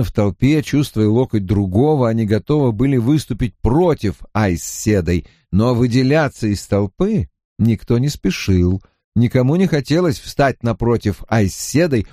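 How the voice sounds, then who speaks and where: A man narrating a fantasy novel as an audiobook in an expressive storytelling manner. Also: fairly low pitch, no echo, studio quality.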